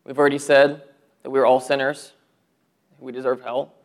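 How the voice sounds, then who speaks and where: A man preaching a sermon to his church, earnest, with rhetorical questions and drops to a low voice for emphasis. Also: level tone, moderate pace. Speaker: pastor.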